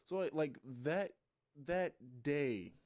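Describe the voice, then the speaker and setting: A man's voice: a little high, sing-song, slow pace, darkish tone. A man, a gaming YouTuber, rambling through a casual story with loose swearing and plenty of fillers.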